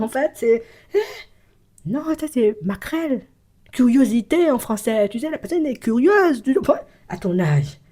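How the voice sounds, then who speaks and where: A woman with a warm, mellow voice gives a spoken intuitive reading straight to the viewer, as a psychic reader would. Her delivery is loose and rambling, full of stammered restarts and repeated filler phrases. She drifts into speaking in the first person as someone else. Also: on the high side. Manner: slips into first-person speech for the absent person.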